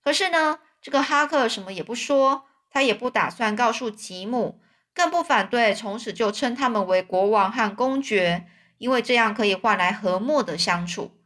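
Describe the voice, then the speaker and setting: A woman retells a classic children's story in a loose, spoken way. She pauses to explain words and restarts her sentences often. Her voice is a little high. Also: lively intonation, fairly bright tone.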